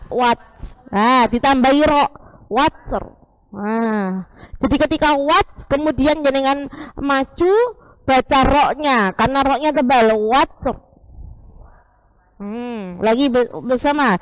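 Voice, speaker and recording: A woman teaching Quran recitation, drawing out each word and repeating it so her class can follow. Her voice sits high and her pace is slow and deliberate. She corrects and encourages with steady patience. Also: clean tone, low-quality recording. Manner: patient, demonstrates sounds slowly and repeats them many times. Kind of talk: live class instruction with group repetition.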